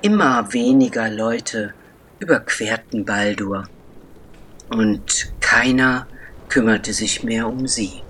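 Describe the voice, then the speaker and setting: A man telling a children's story as scripted narration, slow and deliberate with dramatic pauses. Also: fairly low pitch, sharp tone, slight background noise.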